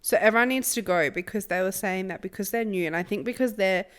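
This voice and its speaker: A young woman with an Australian accent, co-hosting a casual podcast chat and telling animated stories while acting out her own lines. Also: mid-range voice, fast, clean tone. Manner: animated storytelling, acts out her own quotes, swears freely. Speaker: podcast co-host.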